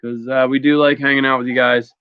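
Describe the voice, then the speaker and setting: A man's voice: mid-range voice, level tone, fairly quick, clear, resonant tone, dry recording, phone-quality sound. A man hosting a casual live stream chat, easygoing and joking, with lots of fillers.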